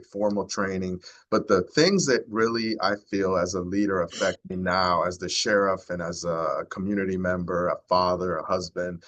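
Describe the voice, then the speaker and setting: An American county sheriff in his forties speaks to a neighborhood group in a community talk, sounding earnest, heartfelt, reflective and sincere. His voice is very deep and low, though with a fairly bright tone.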